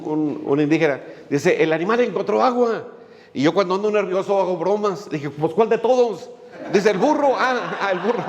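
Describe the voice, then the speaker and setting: A man's voice: on the high side, long reverb tail. A male pastor, preaching a sermon in a folksy way, with many fillers and little jokes as he tells a story.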